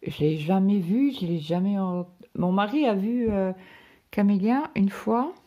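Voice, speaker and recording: A woman's voice: mid-range voice, a little slow, dark tone. A middle-aged woman vlogger telling a rambling story in casual chat, filling her sentences with hesitant "euh"s. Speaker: craft vlogger.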